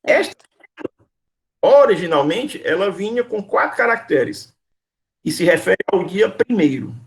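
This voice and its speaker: A man's voice: high voice, big pitch swings, measured pace. A man teaching a university class over a video call. He quizzes his students, calls on them by name and repeats his questions patiently. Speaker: university lecturer.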